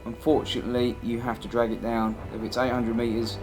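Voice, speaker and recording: A man's voice: medium pitch, completely flat delivery, a little fast, poor audio. Matter-of-fact man narrating over music. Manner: plain, matter-of-fact, conversational. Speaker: amateur hunter narrating own video. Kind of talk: casual voice-over narration of home hunting footage. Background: background music.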